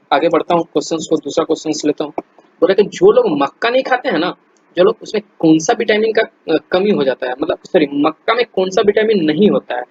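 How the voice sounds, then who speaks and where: A man walks through quiz questions like a friendly tutor, chatty and loose, stopping often to restart his sentences. His voice sits a little high and sounds husky. The recording is dull and lo-fi. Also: no echo. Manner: chatty, many fillers and restarts, addresses viewers as friends. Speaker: teacher. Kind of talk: casual explainer lesson.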